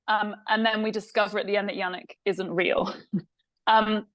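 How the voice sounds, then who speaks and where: A woman's voice: mid-range voice, steady tone, normal speed, fairly bright tone, no room sound, poor audio. A woman from England with an English accent, a film director answering interview questions thoughtfully, with many fillers and restarts.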